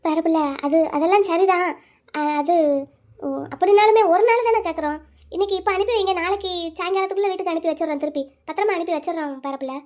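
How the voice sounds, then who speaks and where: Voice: very high-pitched, fast, a little mellow. A voice actor playing a stern, pushy old grandmother in a cartoon story, talking in an insistent, scolding way. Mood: coaxing.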